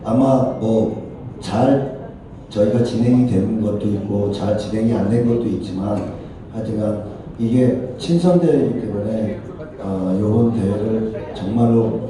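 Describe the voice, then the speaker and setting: A man, a team coach giving a plain, measured post-match speech with pauses. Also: fairly low pitch, dark tone, far from the mic. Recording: echoey hall from afar, crowd.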